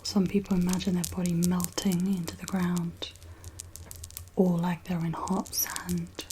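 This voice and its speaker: A woman whispers a gentle pep talk in the style of guided ASMR. Her breathy delivery is very even and unhurried, with reassuring pauses. There is noticeable noise behind her. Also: lowish voice. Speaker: ASMR host guiding relaxation.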